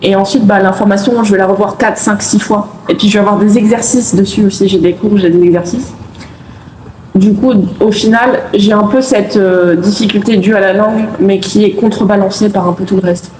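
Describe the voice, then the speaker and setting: A woman's voice: medium pitch, steady tone, brisk, darkish tone. A young woman from France, a student guest in a casual interview, explaining her views in a reflective, thorough way. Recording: echoey room, faint noise.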